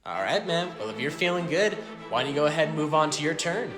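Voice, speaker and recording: A man with a fairly high, animated voice acts out casual comedy dialogue. He sounds awkward and hesitant, in an echoey room. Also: fast talker, music in the background. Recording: roomy echo.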